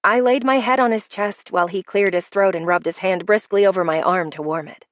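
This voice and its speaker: A woman's voice: mid-range voice, a little fast, no echo, muffled recording. A woman narrating a first-person romance audiobook in a wry, conversational storytelling manner.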